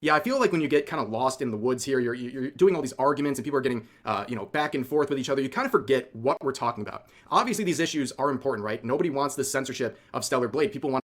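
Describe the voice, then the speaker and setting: A man's voice: mid-range voice, rapid-fire, few pauses, fairly bright tone. A man giving news-style opinion commentary in an emphatic way, repeating points for effect. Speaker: commentary video creator.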